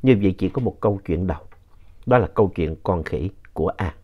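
A man narrating ghost stories sent in by listeners, telling them in an animated storytelling manner. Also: deep voice, fairly quick, slight background noise. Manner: animated storyteller, voice rising in tense moments. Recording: dull lo-fi recording.

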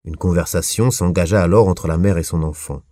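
A man giving a calm, measured reading of religious narrations. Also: low voice, no echo. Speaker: reader of hadith collection.

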